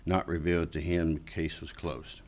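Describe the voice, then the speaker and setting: A man's voice: rumbling low, flat delivery, moderate pace, a little mellow. A man reading a report aloud as a citizen commenter at a council meeting.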